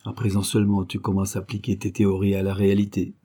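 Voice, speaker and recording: A man's voice: deep voice, monotone, quick pace, warm tone, breathy edge. A man reading aloud the lines of a proud, touchy father who coaxes his daughter to make peace. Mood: coaxing.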